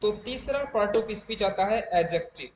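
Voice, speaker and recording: A man teaches English grammar to an online class, drawing out each English word very slowly. His voice sits high for a man. The room is echoey, with a faint hiss behind him. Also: expressive.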